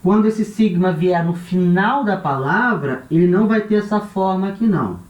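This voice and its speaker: Brazilian male teacher, slightly high voice, slow and patient, repeats each sound, echoey room. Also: animated. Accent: Brazilian Portuguese. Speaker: language teacher. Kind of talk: classroom-style lesson.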